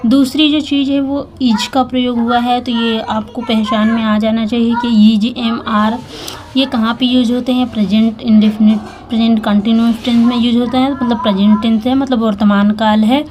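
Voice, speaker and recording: A woman teaching English through a story, explaining slowly and patiently word by word with many pauses and fillers. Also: on the high side, fairly even intonation, darkish tone. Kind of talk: Hindi-language English lesson reading a story.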